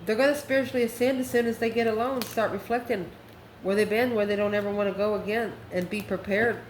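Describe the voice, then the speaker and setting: A woman does an improvised online tarot reading in a folksy, colloquial and sassy way. Her medium-pitched voice is steady in tone and fast. The recording has a roomy echo and faint background noise.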